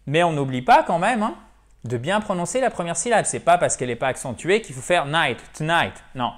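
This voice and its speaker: A French-speaking man giving a video lesson on English pronunciation, drilling words slowly and repeating them. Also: a little high, sing-song.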